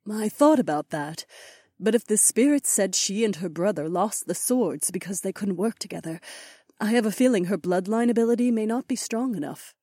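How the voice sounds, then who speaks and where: A man voicing a thoughtful, serious young princess in an audiobook, speaking softly and earnestly. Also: sits high, expressive, moderate pace, no room sound, studio quality, pitched above the performer's own voice. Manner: soft, earnest. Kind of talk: audiobook character voice.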